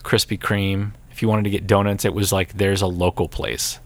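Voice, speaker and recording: A man's voice: deep voice, flat delivery, normal speed. A man in his forties co-hosting a podcast, chatting casually in a rambling, laid-back way. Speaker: podcast co-host. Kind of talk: casual chat.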